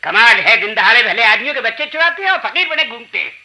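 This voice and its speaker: An actor playing a gruff, contemptuous policeman in an old radio drama. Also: very high voice, very animated, fast talker, sharp tone, full character voice. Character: brusque male policeman.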